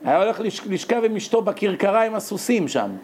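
A man giving a sermon, telling stories and acting out the characters in excited voices, with frequent laughter. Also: sits high, slight background noise. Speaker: rabbi giving a Torah lecture. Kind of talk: lively sermon with storytelling.

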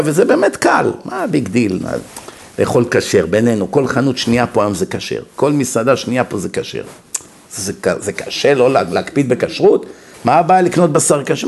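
A man preaching a sermon in an animated way, full of rhetorical questions. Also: a little high.

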